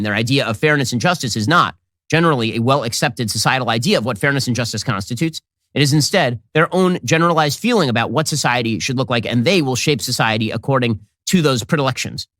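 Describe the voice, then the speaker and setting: Animated, sarcastic male commentator. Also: medium pitch, fast talker, dry recording, clean studio sound. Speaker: political commentator. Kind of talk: commentary monologue.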